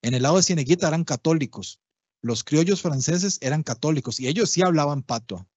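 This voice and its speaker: Husky man lecturing. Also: a little high, expressive, a little fast, darkish tone, dry recording. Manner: explanatory, keeps checking in with listeners. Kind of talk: public talk on language history. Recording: dull lo-fi livestream audio, dry.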